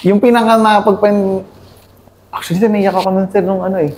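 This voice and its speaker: In a high, brisk, darkish voice with fairly even intonation, a Cavite-born army officer answers interview questions candidly and earnestly. He slips English into his speech and says "sir" almost every phrase. Slight background noise is audible.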